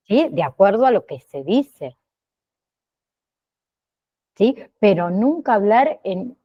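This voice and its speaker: Slow-talking woman teaching an online class. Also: mid-range voice, highs cut off. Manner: slow, checks in with frequent "¿sí?" and "¿bien?".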